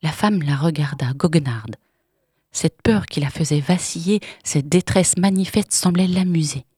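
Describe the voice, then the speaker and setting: A woman narrating a literary novel in a measured, dramatic way, often dropping to a whisper. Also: deep voice, mellow, slightly rough, no room sound, studio quality.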